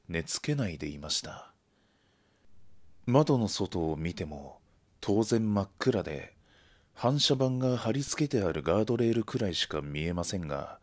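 A man narrating a scripted ghost story in a measured, hushed storytelling manner. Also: deep voice.

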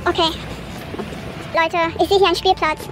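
A young woman vlogging to camera in a car and outdoors at night, anxious and often addressing her viewers, with her voice sped up and squeaky. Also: steady tone, normal speed, very noisy. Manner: anxious, keeps calling the viewers "Leute". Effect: sped up, squeaky high pitch. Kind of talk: horror challenge vlog to camera. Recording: background music under the voice.

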